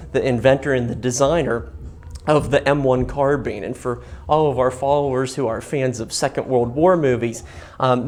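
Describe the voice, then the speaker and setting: A man with a mid-range voice presents a guided history tour on location. He explains things informally, in measured phrases, and stresses key words as he goes. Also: medium pitch, a little mellow. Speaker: host of a history and film channel, guiding a museum tour. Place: inside a museum gallery.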